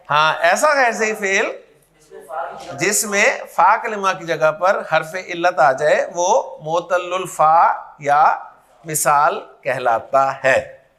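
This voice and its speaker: High, bright-voiced man teaching slowly. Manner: quizzes students by name, repeats key terms. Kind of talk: classroom grammar lecture.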